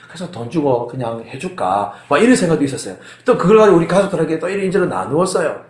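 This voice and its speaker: A male pastor preaching a sermon, telling a personal story with animation and acting out the people in it. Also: medium pitch. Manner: animated storytelling, acts out phone arguments. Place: church sanctuary. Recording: echoey church hall.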